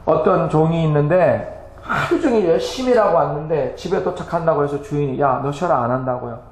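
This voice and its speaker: Man, missionary giving an emotional church report; higher pitch, echoey sanctuary. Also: fairly quick. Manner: animated, laughing and tearful, exclaiming.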